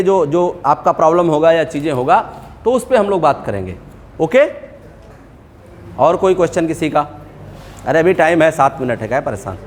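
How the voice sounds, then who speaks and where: A man with a high-pitched voice is teaching accounting to a class. He is middle-aged, mixes English terms into his explanations and keeps checking whether his students have followed. A faint noise runs under the recording. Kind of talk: classroom lecture.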